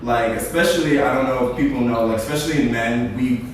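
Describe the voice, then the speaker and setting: A young man hosts a relaxed group conversation, animated and quick to laugh. His voice sits in a middle register. It is picked up from across a very echoey room with faint background noise. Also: mid-range voice, far from the mic. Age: 20s. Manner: laughs often, animated, chatty. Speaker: host. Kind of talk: casual panel chat.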